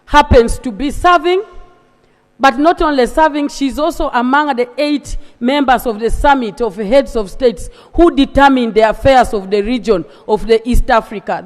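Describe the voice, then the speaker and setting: Impassioned Ugandan woman in a reverberant chamber. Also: on the high side. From eastern Uganda. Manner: impassioned, emphatic. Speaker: legislator. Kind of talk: parliamentary speech. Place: large assembly chamber. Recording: long reverb of a large chamber.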